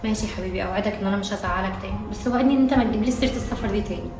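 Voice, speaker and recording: A woman with an Egyptian accent playing a hot-tempered wife and mother who fires off quick retorts, in a scripted web drama. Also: mid-range voice, roomy sound, lightly acted. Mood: apologetic. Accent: Egyptian Arabic. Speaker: actor. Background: background music.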